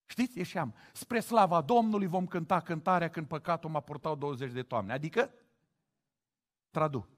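A middle-aged man from Romania preaching a sermon, moving from quiet reflection to loud exclamations. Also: on the high side. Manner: animated, swings from hushed to loud exclamations.

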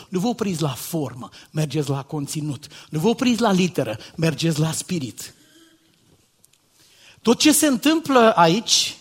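A man preaching a sermon, asking rhetorical questions and swinging from quiet, low asides to loud, shouted exhortation. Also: husky. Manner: rhetorical questions and repeated paired phrases.

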